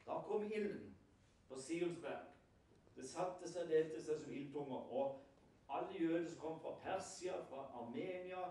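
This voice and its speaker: A man with a fairly high voice preaches a sermon, spinning scripture into a lively story and checking in with the congregation through rhetorical questions. He stands well back from the microphone. His words ring through a very reverberant hall. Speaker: lay preacher. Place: prayer house hall. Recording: very echoey hall, far from the mic.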